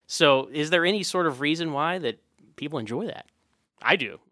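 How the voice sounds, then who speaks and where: A man's voice: fairly high pitch, animated, moderate pace, pushed and bright, no room sound, studio quality. A man hosting a podcast, chatting casually with lots of "like" and "right". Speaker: podcast host. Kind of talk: casual interview chat.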